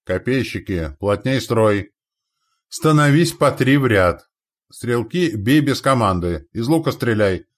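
A man's voice: mid-range voice, expressive, a little slow, voice pushed up, close to an everyday voice. A man reading a story voicing a stern male commander who drills his spearmen. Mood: commanding. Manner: barked commands.

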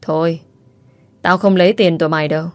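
A woman's voice: lowish voice, steady tone, brisk, no echo, lightly acted. A woman voicing an arrogant young playboy who talks curtly and dismissively, in a storybook reading.

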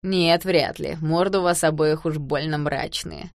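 A wry young husband, read by a woman who jokes his way through rising worry. The voice sits fairly low and close, with a dry, close-up sound, as in an audiobook. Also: steady tone, unhurried, creaky, no room sound. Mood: wry, alarmed. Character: young adult man, wry, increasingly worried husband.

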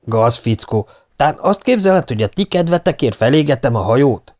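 A man's voice: mid-range voice, animated, a little mellow, pitched above the performer's own voice, close to an everyday voice. A man voicing a young male lieutenant, a stubborn officer who gives firm, clipped orders in an audiobook. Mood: stern.

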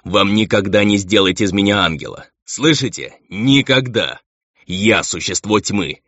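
A man's voice: sits low, fairly bright tone, dry recording. A man voicing a stern, brooding half-demon male envoy who speaks insistently. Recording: dull lo-fi dry recording.

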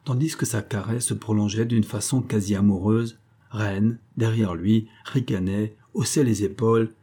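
Male narrator, dark mellow voice, measured audiobook reading. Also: fairly low pitch, steady tone, husky.

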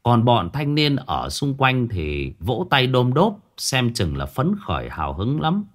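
A man narrating a folk ghost story in a colloquial, expressive storytelling manner. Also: mid-range voice, unhurried. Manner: lively, colloquial, expressive telling.

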